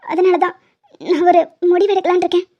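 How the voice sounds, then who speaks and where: A gentle young wife, voiced by a woman, pleads softly in an animated love drama. The voice is very high and mellow. The audio is muffled and lo-fi. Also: quick pace. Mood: tearful. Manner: soft, pleading. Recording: dull lo-fi audio.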